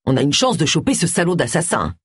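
An earnest male police officer argues his point, read by a woman narrator in her own husky voice. The sound is dry and close. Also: low-pitched, huge pitch swings, fast talker, no echo, exaggerated voice.

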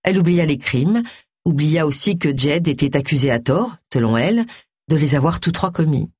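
An audiobook narrator giving an expressive reading of a novel on a close studio mic. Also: medium pitch, moderate pace, breathy edge, no echo.

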